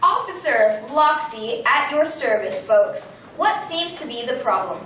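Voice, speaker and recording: A woman's voice: lively intonation, measured pace, fairly bright tone. A woman voicing a sly, greedy male fox in a picture book she reads aloud, gloating and sneering. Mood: mock-official. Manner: gloating, sneering storybook villain voice. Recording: very echoey room, far from mic, faint rumble.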